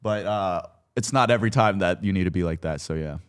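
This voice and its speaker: This podcast guest is a content creator in his twenties with a deep, smooth voice, and he speaks a little quickly. He opens up about his personal life in a loose, informal way, peppering his talk with slang and the occasional swear word.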